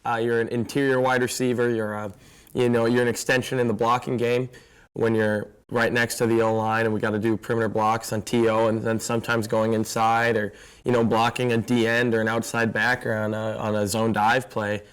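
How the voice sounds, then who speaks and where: A man's voice: mid-range voice, little pitch movement, fairly quick, clean tone. A man who is an assistant football coach, answering interview questions earnestly with many fillers. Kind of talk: casual interview.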